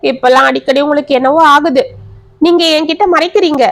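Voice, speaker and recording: A woman's voice: sits high, brisk. A woman voicing an anxious young wife. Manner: anxious, pleading. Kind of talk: storybook narration.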